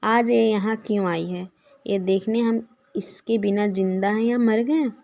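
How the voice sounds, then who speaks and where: A woman's voice: medium pitch, steady tone, a little slow, vocal fry, mellow. A woman voicing a stern elderly father who is proud and grieving, speaking firmly.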